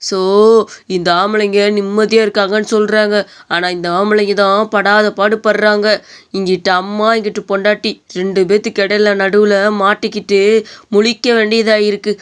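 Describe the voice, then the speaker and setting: A woman voicing a patient young husband in an animated story, talking in a soothing, coaxing way. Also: mid-range voice, moderate pace, smooth, close to an everyday voice. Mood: exasperated.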